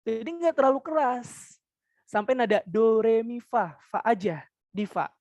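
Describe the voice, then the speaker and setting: A young woman giving a public speaking webinar, animated and quizzing her listeners directly, at times singing scales to show intonation. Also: a little high, a little slow, no echo, muffled recording. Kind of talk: webinar talk.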